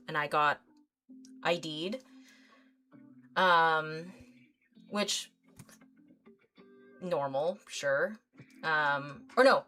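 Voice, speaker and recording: A woman's voice: low voice, fairly bright tone. A woman in her thirties hosting an art livestream, chatting casually as she paints, rambling with lots of fillers and easy giggles. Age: 30s. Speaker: artist livestream host.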